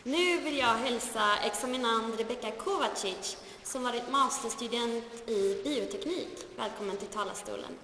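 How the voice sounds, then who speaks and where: A woman presents a graduation ceremony, calling the next speaker to the lectern in a crisp, formal manner. Her bright, fairly high voice carries a long reverb through the hall, with faint ambience behind. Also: normal speed, hardly any pauses, slight background noise. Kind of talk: formal announcing. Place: large hall.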